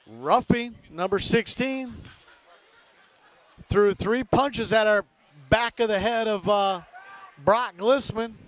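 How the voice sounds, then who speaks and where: High voiced guy doing local hockey play by play, short choppy calls, total homer. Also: fairly bright tone. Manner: partisan, rooting for home team; clipped phrases naming players. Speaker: play-by-play commentator. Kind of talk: amateur hockey commentary. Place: indoor ice rink, from the stands.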